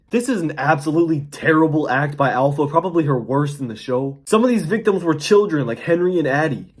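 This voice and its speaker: A man's voice: on the high side, darkish tone. A man giving casual, opinionated commentary in a loose, conversational way, recorded indoors. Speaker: YouTube commentator. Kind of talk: casual video-essay commentary.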